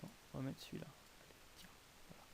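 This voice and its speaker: A man's voice: fast talker, a little mellow, a little hiss or hum. A man hosting casual gameplay commentary on a browser game, rambling and hesitant, often correcting himself. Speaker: host presenting a browser game.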